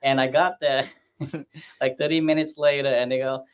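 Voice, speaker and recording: A man's voice: mid-range voice, level tone, moderate pace, smooth, lo-fi sound. A middle-aged man from Malaysia, a hospitality school dean, telling his career story in a chatty, self-deprecating way. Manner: chatty, self-deprecating, acts out quoted voices. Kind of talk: storytelling interview answer.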